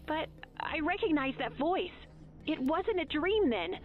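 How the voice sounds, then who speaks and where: A man's voice: very high voice, very animated, unhurried, phone-quality sound, soft background music, voice pushed up, full character voice. A man voicing Gigi, a timid young female game character who sounds worried and pleading.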